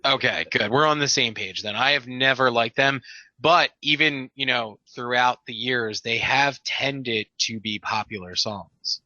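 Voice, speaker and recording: On a casual album review podcast, a male co-host speaks at a measured pace in a medium-pitched voice with a bright, forceful tone. He's agreeable and steers the conversation with questions. The recording is dry, captured on a dull lo-fi mic.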